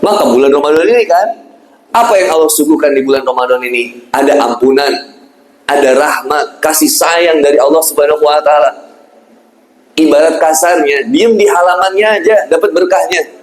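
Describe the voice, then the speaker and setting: A man's voice: fairly high pitch, normal speed. Man preaching in an echoey room. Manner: conversational preaching, rhetorical questions, acts out pleading prayers. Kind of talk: sermon. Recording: echoey room with faint ambience.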